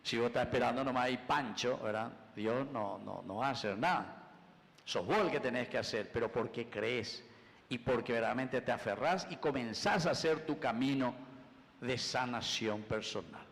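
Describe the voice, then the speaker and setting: A man preaching a sermon at Mass, moving between loud and soft and mixing in Guarani phrases. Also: medium pitch, moderate pace, vocal fry. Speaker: priest. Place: church. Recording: long church reverb.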